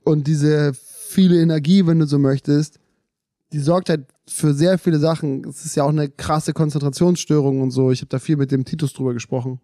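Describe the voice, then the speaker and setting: Animated man telling stories, rather high. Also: no echo, clean studio sound. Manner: animated storyteller, rushes through phrases. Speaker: podcast co-host. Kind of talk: casual chat.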